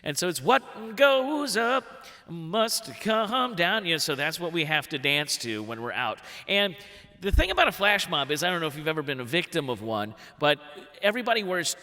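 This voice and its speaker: Man, 40s, bright tense voice, lively comic stage storyteller, reverb of a theatre hall. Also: on the high side, fast talker, faint music behind. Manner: animated, jumps into big voices for quotes. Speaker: workshop storyteller. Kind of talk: live comic personal storytelling.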